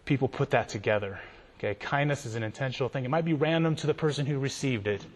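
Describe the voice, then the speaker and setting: A man speaking as a youth pastor, telling stories in an animated way and often repeating himself. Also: medium pitch, fast. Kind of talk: storytelling conference talk. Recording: long hall reverb.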